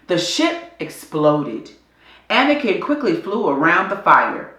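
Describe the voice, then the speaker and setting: In a room with noticeable echo, a female storybook reader narrates a kids' adventure tale slowly and with intentional drama. Her bright, clearly defined voice rises and falls vividly as she follows the script.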